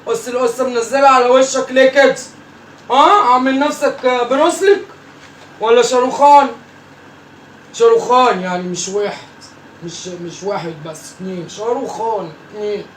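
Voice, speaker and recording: In a comic family sketch, a performer voices a bossy, teasing old grandmother from Egypt who keeps telling off her grandchildren and repeats herself. The Egyptian Arabic delivery is mid-range, normal in speed, fairly bright, and natural-sounding, while the recording is distant, echoey, and faintly noisy.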